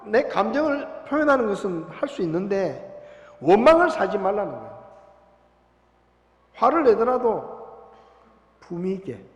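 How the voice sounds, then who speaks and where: Male pastor, high and lively, preaching with emphasis, roomy muffled church sound. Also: fairly quick. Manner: emphatic preaching, asks the congregation questions. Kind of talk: sermon. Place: church sanctuary. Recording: echoey dull church recording.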